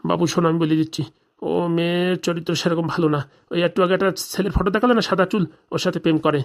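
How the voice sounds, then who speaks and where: Rapid-fire and high-pitched with fairly even intonation, a man portrays a cartoon villager, a scheming forty-year-old whose wife has jilted him. He grumbles and swears indignantly in rustic, colloquial language.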